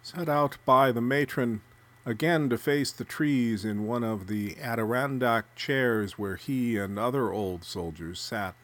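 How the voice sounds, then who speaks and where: Guy reading a story out loud, steady and measured, mid-pitched voice. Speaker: narrator. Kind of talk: reading literary prose aloud.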